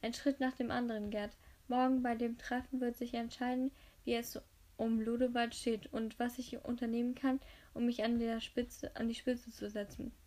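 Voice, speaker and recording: A woman's voice: a little high, flat delivery, normal speed. A woman reading a novel aloud, narration mixed with dialogue, who often stumbles over words and corrects herself. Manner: frequent stumbles and self-corrections; reads quoted dialogue a little louder than the narration. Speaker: reader of a novel. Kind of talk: amateur audiobook reading with dialogue. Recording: faint background noise and clicks.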